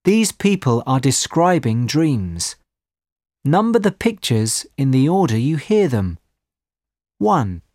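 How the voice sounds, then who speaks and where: A narrator reading textbook listening instructions in a slow, measured way. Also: medium pitch, big pitch swings, darkish tone, no room sound, clean studio sound. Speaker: course audio narrator.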